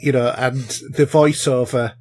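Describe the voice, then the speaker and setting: With a mid-range, slightly mellow voice and fairly even intonation, this man talks a little slowly. He co-hosts a podcast, chatting casually about films and shows, rambling with many fillers and restarts.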